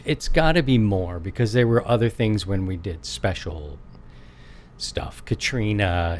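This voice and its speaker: A man's voice: on the low side, a little mellow, slight background noise. A man hosting a show, chatting casually and informally. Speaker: show host. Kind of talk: casual chat.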